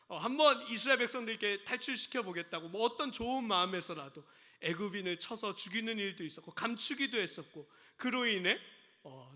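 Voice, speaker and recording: A man's voice: high-pitched, pushed and bright, long reverb tail. A man preaching a sermon as pastor, asking the congregation questions and acting out the lines he quotes. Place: church sanctuary.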